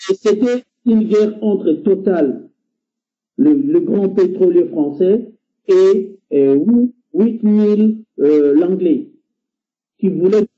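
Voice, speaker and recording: A man with a high-sitting yet dark-toned voice speaks slowly over a tinny, phone-quality internet call. He's a Congolese guest on a call-in show, a non-native French speaker whose first language is Lingala or another Congolese language. He earnestly and passionately exhorts listeners while hesitating often.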